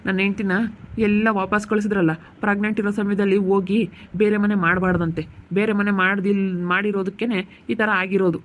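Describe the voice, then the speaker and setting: The man's high, fairly bright voice shows little pitch movement and runs fairly quick. Playing an angry young husband who guards his sick wife, he delivers heated scolding over and over in an amateur village family drama.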